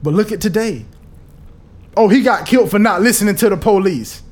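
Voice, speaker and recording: A man hosting a podcast, talking in a casual, profane and animated monologue. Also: sits high, a little fast. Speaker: podcast host.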